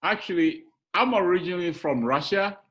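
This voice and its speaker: A man's voice: high voice, expressive, normal speed, a bit bright, dull audio. Easygoing Ghana-born man, laughing guest. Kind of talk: casual chat.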